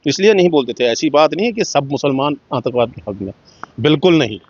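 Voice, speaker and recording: A man's voice: a little high, expressive, brisk, darkish tone, no echo. Earnest middle-aged man telling stories. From Jammu and Kashmir. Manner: earnest, retelling dialogue with small voice shifts. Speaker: interviewee. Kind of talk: personal storytelling in an interview. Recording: muffled, dull dry recording.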